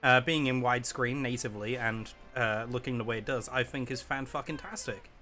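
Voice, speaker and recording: A man with a bright, forceful voice riffs sarcastically with a friend during a game session, cursing in casual banter. His pitch is mid-range for a man. Faint music sits underneath. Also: fairly even intonation, a little fast. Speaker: co-host of a gaming playthrough. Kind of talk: casual chat while playing a video game.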